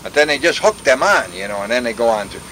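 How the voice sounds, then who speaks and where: An older veteran telling war stories in a rambling, folksy way, full of restarts and sound effects. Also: male voice, mid-range voice, big pitch swings, fast talker, pushed and bright, slight background noise, low-quality recording. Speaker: veteran interviewee. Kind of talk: oral history war reminiscence.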